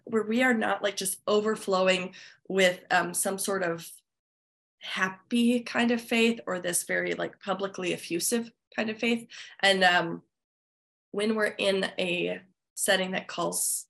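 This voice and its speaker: A woman who is an author and church musician, giving thoughtful podcast interview answers that pause often with fillers and restarts. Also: medium pitch, vocal fry, a bit bright.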